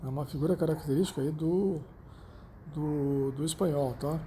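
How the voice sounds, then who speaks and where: A man with a Brazilian Portuguese accent teaching a language lesson, explaining slowly and often checking in with the listener. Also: on the high side, mellow, slight background noise. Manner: slow, repeats himself, frequent "né?" and "tá?" checks.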